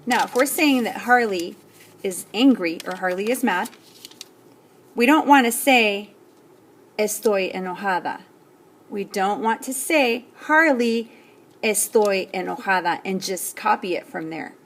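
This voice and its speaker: Slow, patient woman teaching a lesson. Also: medium pitch, expressive, a bit bright. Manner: patient, step-by-step explaining with frequent "okay?" checks. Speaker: Spanish teacher. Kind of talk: recorded classroom lesson.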